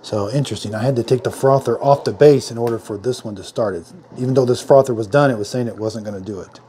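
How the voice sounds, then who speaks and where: A man's voice: medium pitch, quick pace, mellow, slight background noise. A middle-aged man giving a casual hands-on product demo in his home kitchen, thinking aloud in a plain-spoken way as he works. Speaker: product reviewer.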